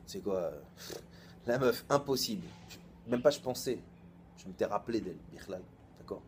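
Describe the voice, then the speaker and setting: A rabbi in his thirties tells stories in an informal sermon, speaking colloquially and with energy while acting out both sides of each conversation. His voice is fairly low and moves at a normal speed, with a little hiss or hum in the recording.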